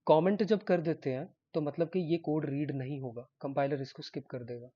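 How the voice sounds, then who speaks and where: Man teaching coding, chatty and repetitive, slightly higher pitch, dull lo-fi recording. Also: fairly even intonation, moderate pace, slightly rough. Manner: chatty, repeats himself, checks in with "ठीक है?". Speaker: programming teacher. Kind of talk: live coding lecture.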